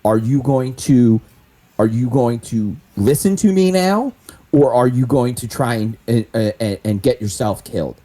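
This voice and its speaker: A man's voice: mid-range voice, a little slow, close to an everyday voice. A man playing an aggressive gunman who barks repeated orders. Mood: commanding. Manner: forceful, commanding, repeating orders. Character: aggressive gunman forcing attention at gunpoint.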